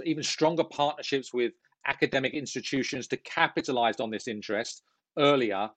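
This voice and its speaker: Middle-aged UK-born man, interview guest, measured earnest delivery, mid pitch, dry close sound. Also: no room sound. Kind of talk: business interview.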